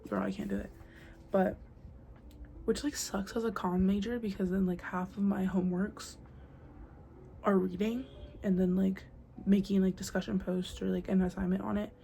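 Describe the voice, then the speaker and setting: This young adult vlogger from the United States chats to camera with lots of "like" and "girl," sometimes lowering her voice to a whisper. Her medium-pitched voice is gravelly and warm, at normal speed with long pauses. There is no proper microphone, just the built-in one, and faint outside noise can be heard.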